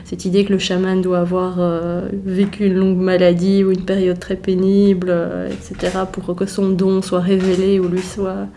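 A woman's voice: fairly low pitch, completely flat delivery, normal speed, few pauses, warm tone, slight background noise. A woman giving a thoughtful, hesitant personal account. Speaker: interviewee. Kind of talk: personal testimony.

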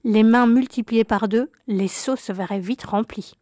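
A woman narrating a childhood memoir story in a calm, measured reading voice. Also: fairly high pitch, no room sound, studio quality.

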